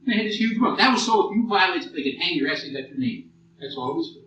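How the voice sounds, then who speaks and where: A man's voice: sits high, very fast, a little hiss or hum. A man in his sixties with an American accent, lecturing a class and telling blunt, profane war stories. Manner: blunt, profane, animated storytelling. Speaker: military lecturer. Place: lecture hall. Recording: muffled old tape from far off in an echoey room.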